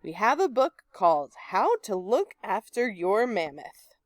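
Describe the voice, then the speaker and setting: A woman reads a children's picture book aloud, telling the story in an expressive, deliberate way. Her voice is medium-pitched, and the recording is dry.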